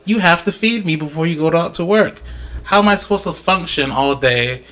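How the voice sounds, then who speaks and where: Sex: male figure, put on by a man. Figure: calm, blunt, demanding husband. Pitch: a little raised. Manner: matter-of-fact. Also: normal speed, lightly acted.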